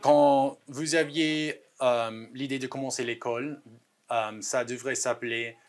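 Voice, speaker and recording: A man's voice: mid-range voice, steady tone, measured pace. A man, working as a reporter who narrates and interviews.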